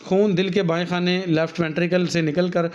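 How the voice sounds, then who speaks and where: A man's voice: sits high, level tone, fairly quick, clean tone. A male teacher with a Pakistani Urdu accent, reading from a textbook and then explaining each point to his students in his own words. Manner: reads a passage, then explains it warmly to students, calling them "beta". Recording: dull, lo-fi recording.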